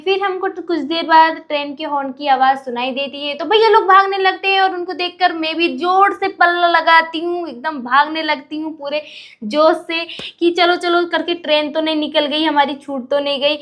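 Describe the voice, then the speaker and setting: High-voiced young woman narrating her vlog. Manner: lively, chatty storytelling voice-over. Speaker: vlogger.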